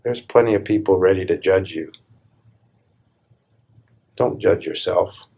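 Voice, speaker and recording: Calm and deliberate, a man guides a meditation as a spiritual teacher. His low, gravelly, husky voice delivers short phrases separated by measured pauses.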